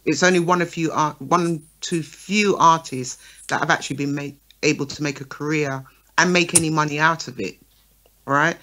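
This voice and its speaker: A lively woman co-hosting a radio talk show makes her arguments while regularly asking the audience "right?" and "okay?". She's a promoter, with a voice that sits low and a normal speaking speed.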